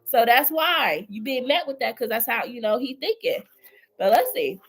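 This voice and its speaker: A woman's voice: a little high, expressive, moderate pace, a little hiss or hum, poor audio. A woman giving a live-streamed tarot reading, chatty and familiar, calling the viewer girl and honey. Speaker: tarot reader.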